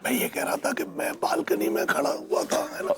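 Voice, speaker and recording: A man's voice: very high-pitched, fairly even intonation, normal speed, gravelly, over music. An actor in a TV sitcom playing a man who rambles and drags out his story.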